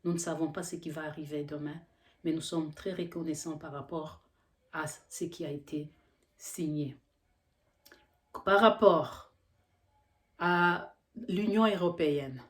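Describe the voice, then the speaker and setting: A middle-aged woman from Congo with a low, deep voice speaks earnestly to the camera as a health professional. She talks steadily but often pauses to search for words. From Democratic Republic of the Congo. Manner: earnest, with frequent hesitations. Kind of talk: earnest educational monologue.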